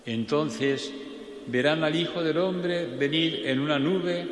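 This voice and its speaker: Man, Spanish accent from Spain, priest reading scripture solemnly, unhurried delivery, long cathedral echo. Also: on the high side. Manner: measured, declaimed. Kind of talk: solemn liturgical Gospel reading. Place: large reverberant church, indoors. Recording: cathedral-like echo, long reverb, noisy church.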